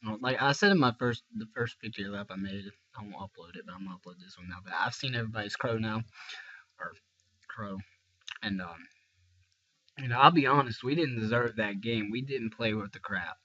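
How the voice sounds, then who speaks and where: This young man, a sports fan vlogger, is congested and tired, and his stuffy voice is fairly low, fairly quick and sharp in tone. Talking to camera about a game, he rambles frankly and keeps restarting, in a casual fan rant captured on a dull lo-fi recording.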